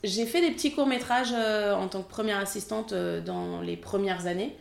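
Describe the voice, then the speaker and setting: A woman's voice: medium pitch, moderate pace, vocal fry, reverberant. A French woman in her thirties, a film assistant director, chatting candidly in an interview with many fillers. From France. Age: 30s. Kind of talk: casual interview.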